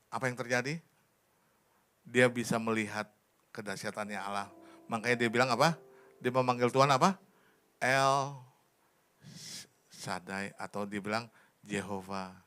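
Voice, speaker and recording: A male pastor preaching in a church, his voice rising high and pleading when he presses a point, then sinking soft. He drops English phrases into the sermon. Faint instrumental music plays behind him. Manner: rises to a high impassioned pitch. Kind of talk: sermon and prayer.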